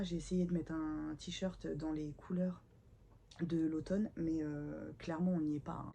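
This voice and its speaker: A woman with a hoarse, stuffed-up voice from a cold, chatting casually to camera in a self-deprecating, slightly awkward book vlog at home. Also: lowish voice, warm tone, a little hiss or hum. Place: at home, indoors.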